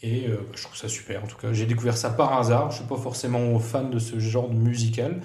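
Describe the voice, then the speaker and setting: A man chatting casually on a podcast, mid-pitched and halting, with fillers and restarts. His voice carries a roomy echo. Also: fairly even intonation, a little mellow. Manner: hesitant, full of fillers and restarts. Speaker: podcast co-host. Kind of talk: casual chat.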